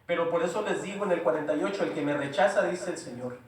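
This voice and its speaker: A man's voice: a little high, fast talker. A man preaching a sermon in a church, emphatic and repetitive, often asking rhetorical questions. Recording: very echoey room, voice from far off.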